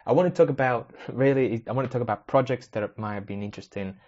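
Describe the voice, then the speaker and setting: On a slightly dull, lo-fi recording, a podcast host with a fast, medium-pitched, darkish voice thinks aloud on his own show. He grew up speaking Spanish in a Spanish-speaking country before moving to the UK at age ten, and his manner is rambling and wry, with frequent breaks mid-sentence.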